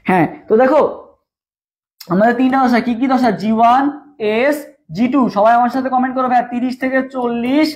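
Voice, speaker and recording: A man's voice: very high voice, steady tone, a little fast. A young man, teaching a live online class for admission tests and drilling students with repeated questions. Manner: asks viewers to type along in the comments. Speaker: admission test tutor. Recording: dull lo-fi stream audio.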